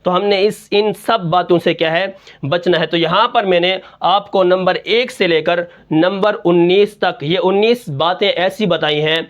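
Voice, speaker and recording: Brief: high-pitched male recitation teacher, quizzes his class and answers each question himself, muffled lo-fi sound. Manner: asks and answers his own questions, drops low on the answer; breaks into slow, drawn-out Quran recitation to demonstrate. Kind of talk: tajweed lesson in Urdu.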